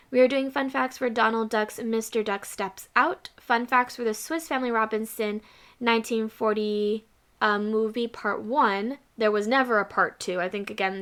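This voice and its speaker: A woman's voice: a little high, a bit bright. A woman hosting her own channel, chatting casually and rambling through a list of her past videos with asides. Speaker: channel host.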